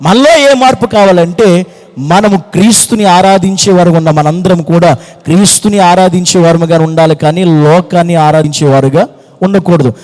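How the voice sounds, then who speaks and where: A man's voice: high-pitched, brisk, a little mellow, long reverb tail. A man preaching a fervent sermon as pastor, repeating phrases and firing rhetorical questions. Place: church hall.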